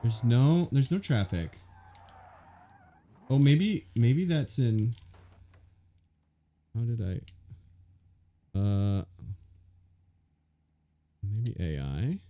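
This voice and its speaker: A man hosts a casual live gaming stream, his voice rising and falling with lively energy. He reacts loudly to the game, swears freely and thanks viewers in the chat. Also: medium pitch, drawn-out words, pauses often. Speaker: streamer host.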